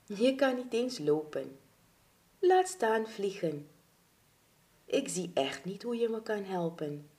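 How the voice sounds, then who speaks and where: A bossy, wounded male stork from a children's storybook, voiced by a woman reader. He barks orders and urges the listener on. His pitch swoops widely and his words come slowly and deliberately. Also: very animated, warm tone. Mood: pained. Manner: commanding, urgent calls.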